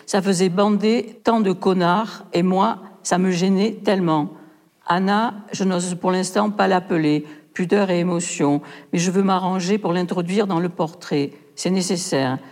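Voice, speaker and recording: A woman's voice: on the low side, steady tone, a little slow, a little mellow. A woman reading personal letters aloud with a frank, impassioned delivery at a poetry performance. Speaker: reader in a literary performance. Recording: long hall reverb.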